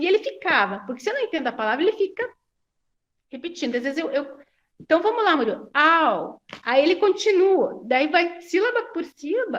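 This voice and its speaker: Woman talking to a support group, halting and restarting a lot, kinda muffled lo-fi audio. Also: a little high. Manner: hesitant, many restarts and fillers. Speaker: guest speaker.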